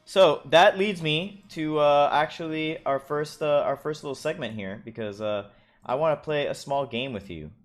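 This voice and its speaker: A man co-hosting a casual gaming podcast, animated and teasing, sometimes acting out silly voices. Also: fairly high pitch, moderate pace. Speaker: podcast co-host. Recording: faint music bed behind.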